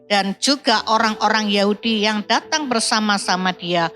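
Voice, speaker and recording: A woman's voice: medium pitch, moderate pace, fairly bright tone, faint music behind. A woman preacher, reading Bible verses and explaining them in a sermon, often adding "ya" and "Saudaraku". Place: church service.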